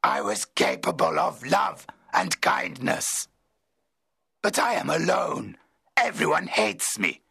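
Lonely audiobook monster, very gravelly, slow, bitter, pleading, menacing. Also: male voice, on the high side, very animated, bright, forceful tone, dry recording, clean studio sound, full character voice. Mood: despairing. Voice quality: gravelly, rasping. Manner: slow, heavy, emotional pleading. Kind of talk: dramatised literary audiobook.

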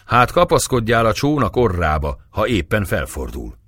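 Brash male soldier, defiant, shouting, husky, lively delivery, voiced by a man. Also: on the low side, no room sound, clean studio sound, voice pushed up. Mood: gruff. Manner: loud, taunting shouts.

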